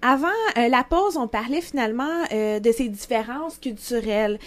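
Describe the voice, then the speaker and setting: Woman radio host, high voice, measured and clear introductions. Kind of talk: hosting an interview.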